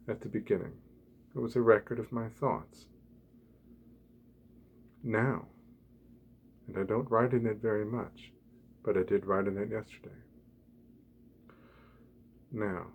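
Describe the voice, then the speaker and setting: A man speaking softly and quietly as if at night, reading and reflecting in halting, deliberate short phrases, ASMR style. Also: fairly low pitch. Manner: quiet, hushed night-time talking. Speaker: blogger reading from own blog. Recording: clear background ambient noise.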